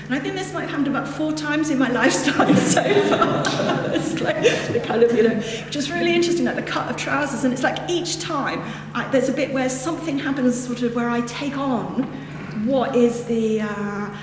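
Here a woman with a high voice and normal speed gives a dharma talk to a group, her northern English accent framing a reflective Buddhist teaching full of meandering casual asides. She stands in a hall with a lectern. Captured by a distant mic, the audio is echoey with background noise.

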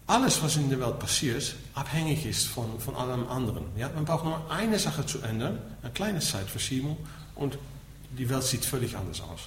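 A middle-aged Dutch man with a Dutch accent lectures listeners as a Buddhist teacher, explaining ideas in a medium-pitched voice with big pitch swings at a moderate pace with few pauses. He often tags his points with a short questioning word, and the echoey room carries faint background noise.

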